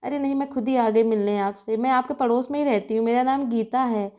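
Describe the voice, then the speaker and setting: A woman's voice: a little high, brisk, warm tone, close to an everyday voice. A woman voicing Geeta, a friendly neighbor mother doll in a doll play story, who talks in a polite, chatty way.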